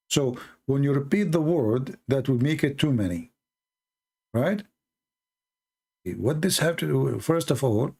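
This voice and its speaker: A man giving late-night livestream commentary, mocking and halting, with sarcastic asides. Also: medium pitch, vocal fry, a little mellow, husky. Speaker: online debate streamer.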